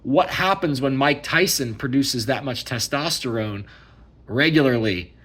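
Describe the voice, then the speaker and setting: Husky, emphatic man ranting to camera. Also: mid-range voice, a little slow, fairly bright tone. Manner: emphatic, repetitive, keeps asking "okay?". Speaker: vlogger. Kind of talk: casual ranting monologue.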